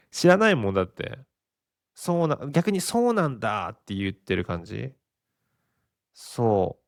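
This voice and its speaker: A man's voice: mid-range voice, very animated, slow pace, creaky, long pauses, no echo, studio quality. A Japanese man in his forties hosting a casual solo podcast, rambling and chuckling often at his own expense. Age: 40s. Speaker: podcast host.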